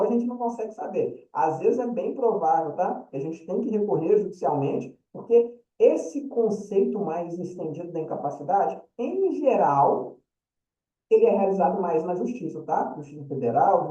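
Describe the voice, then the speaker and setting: A man's voice: high-pitched, warm tone. Brief: male lawyer-lecturer, conversational, distant dull-sounding recording. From Brazil. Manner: chatty, keeps checking in with the audience. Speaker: lawyer teaching a short course. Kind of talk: informal lecture. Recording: dull, roomy, distant mic.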